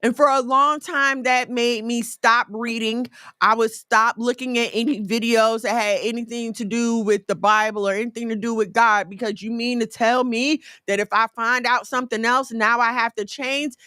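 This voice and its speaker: A woman in her forties giving casual, animated faith talk in a conversational, folksy way. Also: on the high side, normal speed, no echo, clean studio sound. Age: 40s.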